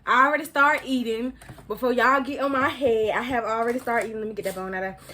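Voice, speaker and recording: Woman, young, slightly high voice, chatting while eating, mumbly, phone camera. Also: fairly even intonation, quick pace, pushed and bright, slight background noise. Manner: talks while chewing, mumbling. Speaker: YouTuber. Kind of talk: casual vlog chat while eating. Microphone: phone front camera.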